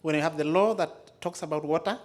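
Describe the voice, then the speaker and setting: A man from the Maasai areas of Kenya and Tanzania, whose first language is Maa, tells a story as a community speaker with an East African accent. His voice sits on the high side, and he speaks in short, deliberate, emphatic phrases.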